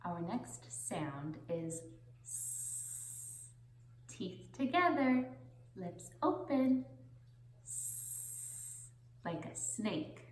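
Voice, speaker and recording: A young woman teaching a children's phonics lesson in a deliberate singsong, pausing for the listener to repeat. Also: medium pitch, very animated. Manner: slow, deliberate singsong with pauses for repetition. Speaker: preschool teacher. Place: indoor classroom, seated on the floor. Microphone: camera a few metres away. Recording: roomy echo from camera distance.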